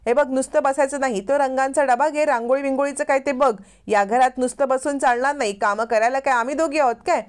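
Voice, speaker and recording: A woman's voice: sits high, animated, normal speed, a little mellow. Give me a stern, scolding older housewife, voiced by a woman storyteller. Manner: scolding, bossy.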